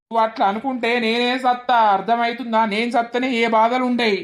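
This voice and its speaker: A woman's voice: fairly high pitch, little pitch movement, quick pace, a little hiss or hum, close to an everyday voice. A woman plays a short-fused young village man in a cartoon, bitter about his lot. He snaps in curt, angry bursts in a slightly raised voice.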